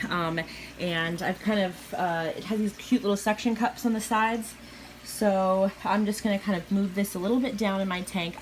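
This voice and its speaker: A woman narrating a casual home video about her fish tank in a chatty, excitable way, with giggles and self-corrections. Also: mid-range voice, slight background noise. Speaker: goldfish keeper vlogger.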